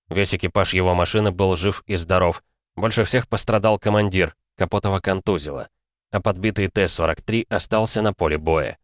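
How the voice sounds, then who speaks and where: A man narrating an audiobook in a steady, measured reading. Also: low-pitched, no echo, studio quality.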